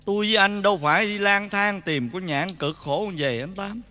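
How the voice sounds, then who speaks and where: A man's voice: sits high, brisk, dry recording. A man playing a comic older family friend who chides and lectures, in Vietnamese folk opera acting. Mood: lecturing. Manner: chiding and lecturing, half sung. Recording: loud instrumental music behind.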